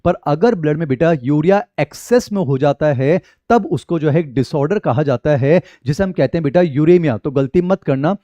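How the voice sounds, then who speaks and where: Indian male teacher with a warm voice. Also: a little high, animated, moderate pace, hardly any pauses, no room sound, highs cut off. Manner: repeatedly addresses students as children, mixing Hindi and English terms. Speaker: biology teacher. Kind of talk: exam-prep lecture.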